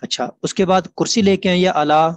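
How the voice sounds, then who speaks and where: A man teaching an online grammar class, explaining patiently and repeating examples slowly. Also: sits high, fairly even intonation, dry recording.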